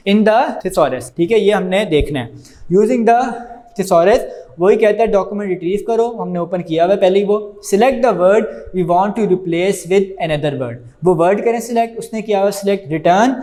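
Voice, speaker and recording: A male teacher who speaks natively, reading English textbook lines slowly and then explaining them to young students, whom he calls "beta". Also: sits high. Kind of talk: screen-recorded computer lesson for schoolchildren.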